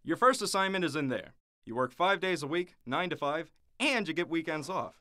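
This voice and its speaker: A man voicing a fast-talking, harried male devil boss in an animated short, wisecracking and full of puns. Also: on the high side. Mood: wry. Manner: wisecracking, punning, exasperated.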